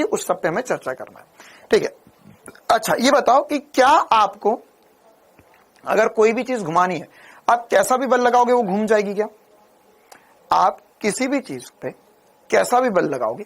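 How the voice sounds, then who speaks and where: A young man teaching a physics class in a casual, chatty way, talking to students like friends. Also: high voice. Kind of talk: casual Hindi lecture.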